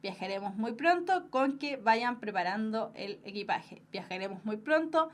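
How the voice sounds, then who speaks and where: A woman's voice: on the high side, expressive, normal speed. A young woman with a Chilean Spanish accent teaching an online exam-prep grammar class, explaining step by step and checking in with her students. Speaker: language teacher.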